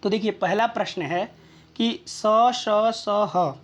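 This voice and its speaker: Casting: woman teacher, methodical and patient, talks through each exam answer, mid-pitched voice. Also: slow. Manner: methodical, checks in with rhetorical questions. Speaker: Sanskrit exam tutor.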